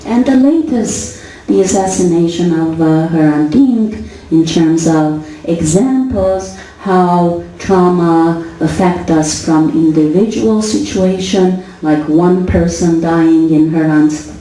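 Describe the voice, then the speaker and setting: A middle-aged woman from Syria lecturing as a psychologist, speaking deliberately and pausing on fillers. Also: lowish voice, mellow. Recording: echoey hall from far off, faint noise.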